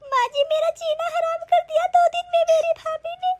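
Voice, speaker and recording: A woman's voice: extremely high pitch, steady tone, moderate pace, a little mellow, no room sound. A woman voicing a remorseful married sister-in-law in a Hindi cartoon, pleading tearfully for forgiveness.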